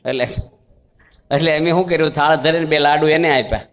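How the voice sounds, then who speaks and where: A man's voice: fairly high pitch, steady tone, a little fast, fairly bright tone. A man giving a sermon, telling stories with quoted dialogue and asking rhetorical questions. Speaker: swami giving a religious discourse. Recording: long hall reverb.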